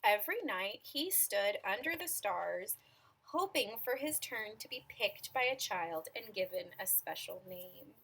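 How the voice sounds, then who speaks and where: Lady doing a kids read-aloud, really lively up and down delivery, breathy bright voice, talks to the kids. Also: medium pitch, a little slow, low-quality recording. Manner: animated, dramatic phrasing for young listeners. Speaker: storybook reader. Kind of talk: expressive children's picture-book read-aloud with asides.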